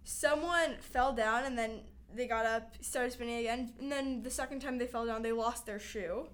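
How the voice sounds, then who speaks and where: A woman's voice: fairly high pitch, a bit bright. Chatty young woman co-hosting. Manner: chatty, chiming in with quick asides. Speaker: camp podcast co-host. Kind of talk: casual chat.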